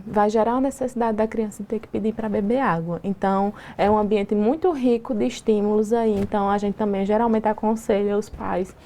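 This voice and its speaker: A woman's voice: medium pitch, warm tone. A woman speech therapist with a Brazilian Portuguese accent, explaining patiently in a TV studio interview and asking rhetorical questions.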